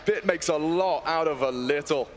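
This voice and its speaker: A man casting esports live, giving excitable, dramatic play-by-play with theatrical, flowery phrasing that builds to shouts. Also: a little high, normal speed, background noise. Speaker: esports caster.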